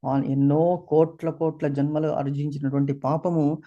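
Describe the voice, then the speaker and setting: A man's voice: on the high side, flat delivery, normal speed, dark tone, dull audio. A man giving a scripture discourse as a spiritual teacher, asking and answering his own questions and slipping English phrases into his talk.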